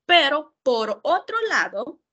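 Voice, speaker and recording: A woman teaching English in an online class, explaining slowly in Spanish and repeating English words to model how they sound. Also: high-pitched, sing-song, a bit bright, dull audio. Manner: slow, careful, repeats words to model pronunciation.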